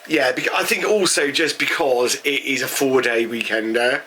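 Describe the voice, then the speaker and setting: A man's voice: medium pitch, moderate pace, sharp tone, a little hiss or hum. A man from the UK co-hosting a vlog, talking casually and emphatically, with rhetorical questions. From United Kingdom. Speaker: vlog co-host. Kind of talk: casual chat.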